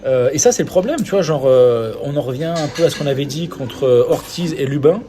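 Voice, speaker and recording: A man's voice: fairly high pitch, lively intonation, fairly quick, warm tone. A man with a French accent talking boxing in a casual podcast chat, hesitant, restarting his sentences with fillers. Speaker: podcast co-host.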